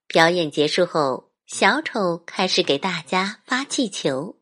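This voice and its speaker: A woman's voice: lowish voice, animated, slow pace, a bit bright. A woman storyteller narrating a children's picture book expressively.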